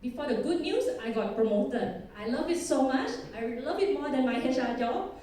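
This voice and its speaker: At a conference hall, a woman with a high, mellow voice speaks animatedly at a normal speed. In her thirties and from Thailand, she has a Thai accent and gives a chatty, self-deprecating talk, laughing often. The hall is echoey and the mic distant.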